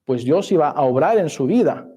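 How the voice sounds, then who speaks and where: A man's voice: a little high, animated, moderate pace, mellow. A male pastor preaching a sermon in church, rising to emphasis and quoting scripture in formal old-style phrasing. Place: church sanctuary.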